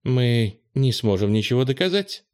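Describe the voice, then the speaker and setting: A man's voice: medium pitch, expressive, moderate pace, darkish tone, voice pushed up, lightly acted. A man voicing a grim, stern woman guard officer who speaks curtly, in an audiobook. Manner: curt, grumbling.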